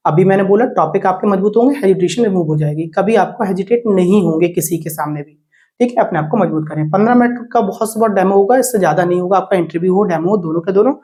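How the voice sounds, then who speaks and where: A male teacher giving exam coaching advice, speaking rapidly, mixing in English words and repeating short check-ins. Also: high voice, dark tone. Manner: rapid, repetitive, peppered with "theek"; mixes Hindi with English words.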